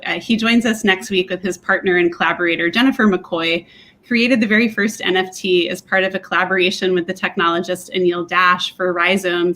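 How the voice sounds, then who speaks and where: Lower-voiced woman on a video call. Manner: conversational, with frequent fillers, steady explanatory pace. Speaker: co-host of a museum talk series. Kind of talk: online panel talk, explaining a timeline.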